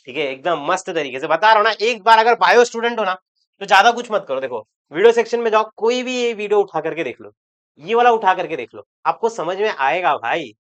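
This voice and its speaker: In an online exam-prep lecture, a man teaches chemistry in a high, slightly bright voice, and the recording sounds lo-fi. He chats and jokes with his students and repeats words for emphasis.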